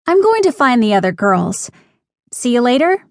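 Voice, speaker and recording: A woman's voice: on the high side, big pitch swings, normal speed, dry recording, studio quality, voice pushed up. A woman voicing an earnest, eager young girl in a children's audiobook, with a timid, wondering manner.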